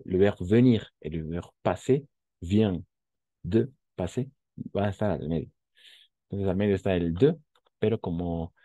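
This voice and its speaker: Male language teacher, low mellow voice, unhurried, patient, dry close sound. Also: dry recording. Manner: patient, explains slowly, models pronunciation. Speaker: French teacher. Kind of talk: online language class.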